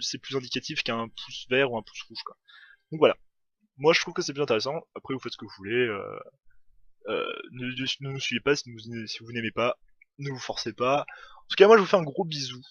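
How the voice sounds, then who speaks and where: A man casually commenting on his own gameplay with a bright, forward tone. He rambles, hesitates and corrects himself often, like someone thinking aloud while playing. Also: mid-range voice, no echo, muffled recording. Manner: rambling, full of fillers and self-corrections. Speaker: gaming video host.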